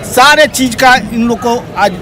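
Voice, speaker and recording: Male party worker, street interview, high voice. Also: unhurried, bright, forceful tone, a faint crowd, slight background noise.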